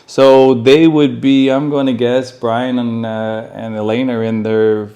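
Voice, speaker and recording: A man in his fifties from Canada, a retired client chatting in a relaxed, talkative way in an interview. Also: mid-range voice, measured pace, muffled recording. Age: 50s. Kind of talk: casual interview chat.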